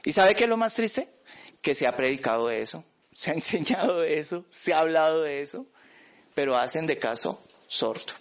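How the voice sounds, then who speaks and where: A man's voice: a little high, animated, moderate pace. A man preaching a fervent sermon as pastor, often asking the congregation questions. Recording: muffled lo-fi recording.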